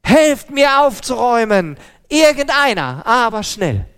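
A man voicing a flustered woman who frantically cleans her house for a guest, exclaiming in a shrill voice. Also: expressive, unhurried, long reverb tail. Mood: urgent.

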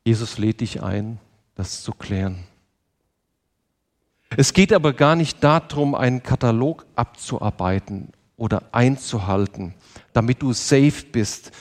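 A man's voice: medium pitch, darkish tone. A man preaching a sermon in an earnest manner, speaking directly to his listeners and asking them questions. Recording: long reverb of a large hall.

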